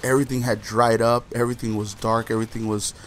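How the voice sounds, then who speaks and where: A man spinning a mock-serious tale in a loose, rambling way. He leans on "you know" constantly and talks at an ordinary, mid-level pitch. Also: flat delivery, quick pace, slight background noise. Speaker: vlogger. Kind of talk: casual mock-serious storytelling.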